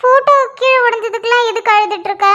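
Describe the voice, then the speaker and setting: A calm, coaxing cartoon mother, as a woman puts her on, with a very high, bright voice. She soothes in a steady, reassuring manner. Cartoon-style voice acting. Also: fast. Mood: soothing. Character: soothing middle-aged mother.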